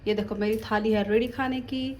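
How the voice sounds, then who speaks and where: A young woman from Jammu with a fairly high voice talks to her viewers in a relaxed, chatty daily vlog. She is playful and quick to laugh at herself as she goes about her day at home, with a faint hum of room ambience behind her. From Jammu, India. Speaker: vlogger. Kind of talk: casual daily-life vlog chat. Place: at home indoors, later on a balcony.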